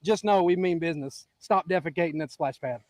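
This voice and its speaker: High-pitched scolding deadpan man. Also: quick pace, no room sound. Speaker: concerned citizen in comic video.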